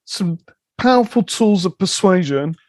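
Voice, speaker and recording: A man's voice: high voice, lively intonation, unhurried, a little mellow, no echo. A man with an English West Country accent, chatting casually as a podcast co-host.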